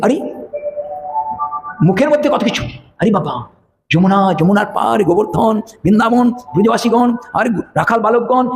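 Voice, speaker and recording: Man, preacher, animated devotional storytelling, high pitch, echoey room. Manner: animated storyteller, acts out voices, frequent affirming fillers. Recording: echoey room, faint noise.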